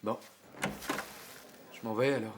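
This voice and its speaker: A man's voice: fairly low pitch, fairly even intonation, a little slow, noisy background, close to an everyday voice. An actor playing a subdued, earnest young man saying goodbye to his roommate in a dubbed TV drama.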